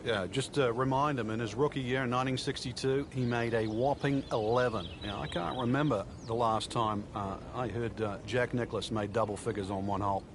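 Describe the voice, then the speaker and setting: A man's voice: medium pitch, fairly even intonation, brisk, few pauses, background noise, close to an everyday voice. A man co-commentating on golf as the analyst, in a conversational, matter-of-fact way.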